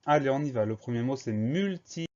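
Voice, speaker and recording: Patient teacher spelling words slowly. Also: male voice, medium pitch, expressive, darkish tone. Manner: slow, patient letter-by-letter spelling. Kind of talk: spelling dictation lesson. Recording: muffled, lo-fi recording.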